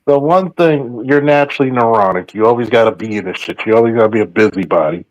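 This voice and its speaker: A man's voice: medium pitch, fast, no room sound, muffled recording. A man giving casual opinions on a panel in a blunt, lecturing manner. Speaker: talk show panelist.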